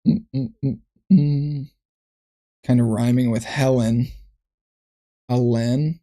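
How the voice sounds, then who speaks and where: A man chatting on a casual livestream, musing aloud and restarting his sentences as he goes. His voice sits at an ordinary middle pitch. He talks into a desk mic at his computer. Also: fairly even intonation, slow, mellow. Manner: thinks aloud, rambling with restarts. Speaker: streamer.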